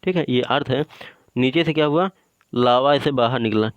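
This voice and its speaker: A man's voice: medium pitch, normal speed, smooth, no echo, lo-fi sound. A male teacher giving an exam-prep lecture, drilling terms with repeated questions and answers and saying "ठीक है" after almost every point while he explains a drawing step by step.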